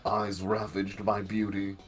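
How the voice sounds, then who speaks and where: A man's voice: lowish voice, level tone, unhurried, soft background music, voice pushed down, lightly acted. A man voicing a dashing, lovestruck young rogue thief in flowery, mock-archaic, melodramatic speech during improvised role-play. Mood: mournful romantic.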